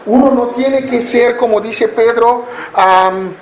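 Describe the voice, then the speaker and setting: High-voiced man preaching a Sunday sermon. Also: slow, echoey room, a little hiss or hum, rough recording. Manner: asks the congregation questions and answers them himself; acts out foolish attitudes in mocking voices. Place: church hall.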